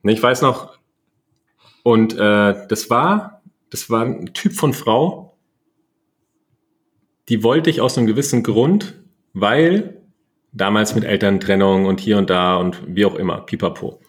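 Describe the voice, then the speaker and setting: A man co-hosting a casual coaching chat, talking in animated bursts and listing things in quick runs. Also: on the low side. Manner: German. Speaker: podcast co-host.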